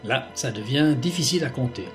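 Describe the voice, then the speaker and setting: A man narrating a nature documentary, explaining things in an unhurried way and speaking directly to the listener. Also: mid-range voice, animated. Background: music.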